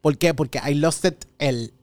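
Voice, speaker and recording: Animated Puerto Rican man telling a story. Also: fairly high pitch, a little slow, dry recording. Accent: Puerto Rican Spanish. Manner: animated storyteller, acts out his own shouts. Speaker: podcast host. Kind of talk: casual chat.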